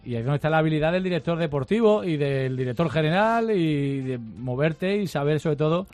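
A man's voice: fairly high pitch, lively intonation, brisk, darkish tone, dry recording, soft background music. Chatty man hosting sports radio. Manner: chatty, emphatic, lots of fillers. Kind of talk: casual radio chat.

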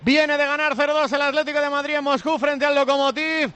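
Man, sports reporter, very high pitch, sharp tone. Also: little pitch movement, fairly quick. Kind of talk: live radio match preview.

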